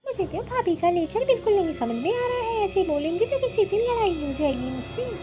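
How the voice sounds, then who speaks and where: A woman's voice: very high voice, big pitch swings, a little fast, over music. A woman voicing a chatty, demanding young sister-in-law in a cartoon, with a whiny, pleading way of talking. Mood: complaining. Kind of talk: cartoon voice acting.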